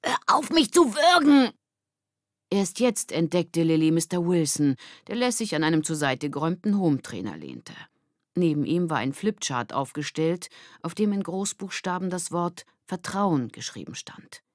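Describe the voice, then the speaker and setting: Low-voiced woman narrating a children's audiobook. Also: no room sound, clean studio sound. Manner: calm, measured storytelling.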